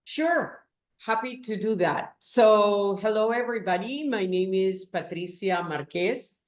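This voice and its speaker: Slow-speaking Peruvian-born woman, echoey room. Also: medium pitch. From Peru. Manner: slow, thoughtful, emphatic. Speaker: guest, business executive. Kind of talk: interview.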